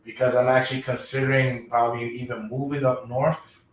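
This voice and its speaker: A man speaking as a guest in a casual chat, in a halting way with frequent fillers and restarts. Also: medium pitch, level tone, a little hiss or hum. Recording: echoey room.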